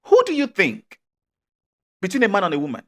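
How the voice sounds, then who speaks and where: A man's voice: high voice, wildly swooping pitch, brisk. A man with a Nigerian accent hosting a casual chat, emphatic and often laughing as he makes his points. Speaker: podcast host.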